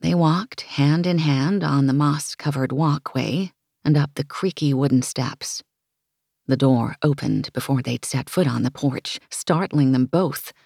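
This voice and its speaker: A woman reading a novel aloud as an audiobook narrator, in a measured, expressive storytelling manner. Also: low voice, creaky, breathy edge, no room sound, clean studio sound. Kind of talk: scripted fiction narration.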